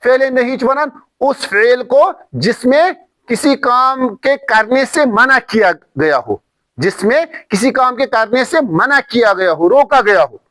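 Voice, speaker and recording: A man teaches an Arabic lesson, repeating each form patiently and stressing his examples. His voice sits very high for a man and sounds bright and forceful. The recording is close and dry. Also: animated, no echo. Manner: slow, repetitive drilling of word forms, emphatic examples.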